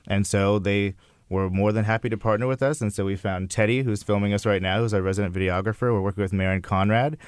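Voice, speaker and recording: Niski, czysty głos młodego mężczyzny. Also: male voice, fairly low pitch, fairly even intonation, fast talker, clear, resonant tone, no room sound, studio quality. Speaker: interview guest, creative entrepreneur. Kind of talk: casual interview talk.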